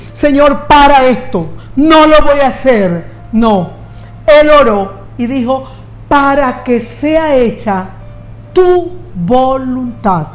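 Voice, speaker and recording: A woman's voice: sits high, a little mellow. A woman preaching a devotional sermon, emphatic and repetitive as she quotes scripture.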